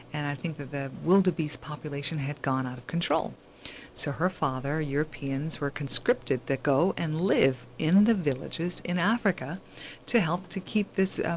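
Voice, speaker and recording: A woman's voice: sits low, slight background noise. A woman hosting a talk show, telling a long story in a rambling way with many fillers and restarts. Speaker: host.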